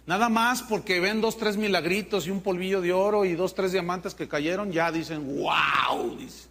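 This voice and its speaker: High-pitched pastor guy preaching, lively and a bit mocking. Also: moderate pace. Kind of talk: sermon.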